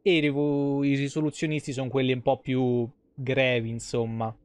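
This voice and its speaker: During live gameplay, a man in his thirties streaming a game rambles casually in slang with a Roman Italian accent. His mid-range voice is smooth and flat in delivery at a normal speed, with no room sound.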